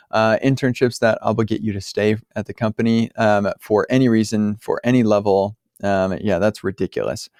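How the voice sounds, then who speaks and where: A man's voice: fairly low pitch, darkish tone, clear, resonant tone, no echo, clean studio sound. A man hosting a podcast, answering a caller's question in casual spoken advice, emphatic and full of fillers and restarts.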